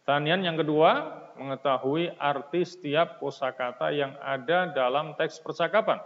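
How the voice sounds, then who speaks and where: Guy teaching a class, slow and careful, kinda high voice, muffled lo-fi sound. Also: big-room sound. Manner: slow, deliberate, translating each phrase. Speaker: Arabic teacher. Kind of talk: recorded classroom lesson.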